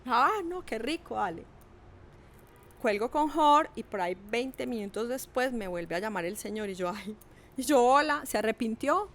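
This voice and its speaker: A middle-aged woman, telling a personal story in a lively, animated way with acted quotes. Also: a little high, normal speed. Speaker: podcast guest. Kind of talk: casual storytelling.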